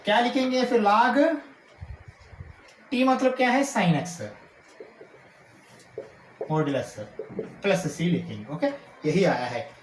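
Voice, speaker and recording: Here a high-pitched male maths teacher works through calculus as he writes, tossing out frequent rhetorical check-ins and dictating formulas at a slower pace. The room echoes, and faint ambient noise sits underneath.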